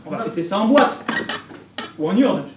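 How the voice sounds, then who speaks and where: A man from La Ciotat, France, doing a stand-up monologue in a comedy club, landing punchy deadpan one-liners. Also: high voice, normal speed. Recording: echoey room, distant mic, clear background noise.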